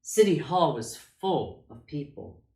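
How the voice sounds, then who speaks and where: A man reads a picture book to children in a theatrical, emphatic way. His voice sits a little high and moves with lots of melody. He takes his time with dramatic pauses, and the room sounds echoey. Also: sing-song, vocal fry, warm tone. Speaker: drag storytime reader. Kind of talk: expressive children's picture book read-aloud.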